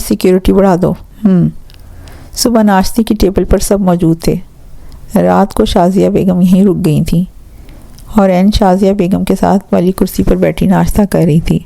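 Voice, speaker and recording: Gravelly-voiced woman narrating a novel. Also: lowish voice, fairly even intonation, warm tone, no echo. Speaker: audiobook narrator.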